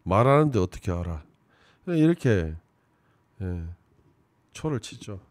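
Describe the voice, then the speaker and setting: Animated low-voiced man commenting. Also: takes it slowly. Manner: animated, swings between loud emphasis and muttering. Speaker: commentator reacting to a TV show. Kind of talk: casual reaction commentary.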